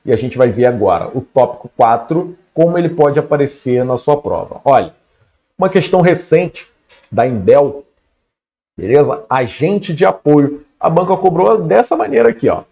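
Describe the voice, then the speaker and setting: A man's voice: fairly high pitch, animated, moderate pace, gravelly, mellow, muffled recording. A man with a Brazilian Portuguese accent giving an exam-prep grammar lesson in a casual way, often checking in with his students. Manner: casual, keeps checking in with "beleza?".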